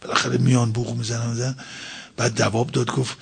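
A man's voice: medium pitch, level tone, vocal fry, husky. A man preaching a religious talk, explaining by asking and answering his own questions. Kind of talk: sermon.

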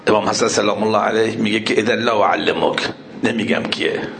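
A male preacher telling a religious story in a sermon, asking the audience questions, acting out the dialogue and dropping to a low murmur. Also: vocal fry, a little hiss or hum. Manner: animated, acts out dialogue in raised voices, then drops to a low murmur; asks the audience questions and answers himself.

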